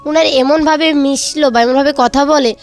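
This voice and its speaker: A young woman, a student with a Bangladeshi accent, tells her life story as an interview guest. Her voice is high and steady, at a normal speed.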